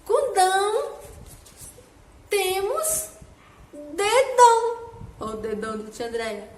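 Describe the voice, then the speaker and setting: High-voiced woman teacher doing a kids phonics lesson, drawn-out sing-song syllables, echoey room. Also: huge pitch swings. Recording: echoey room with faint background noise.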